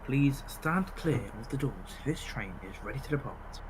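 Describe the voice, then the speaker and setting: A man putting on the voice of a train station announcer, speaking slowly and formally as if warning about the doors. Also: mid-range voice, expressive, close to an everyday voice. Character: calm male train door announcer. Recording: loud background noise.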